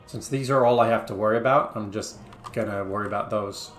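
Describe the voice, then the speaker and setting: A man's voice: lowish voice, brisk, fairly bright tone, reverberant, soft background music. A man hosting a strategy game video, chatting casually and thinking aloud as he plays, with frequent fillers and self-corrections. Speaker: gaming video host. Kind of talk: casual gameplay commentary.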